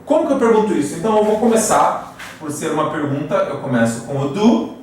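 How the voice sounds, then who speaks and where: A male English teacher with a Brazilian Portuguese accent explains grammar. He says the English example sentences slowly and checks in often with "tá?" and "né?". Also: a little high, very animated, a little mellow, slight background noise. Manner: frequent "tá?" and "né?" check-ins. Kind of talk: classroom grammar lesson. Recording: very echoey room, voice far from mic.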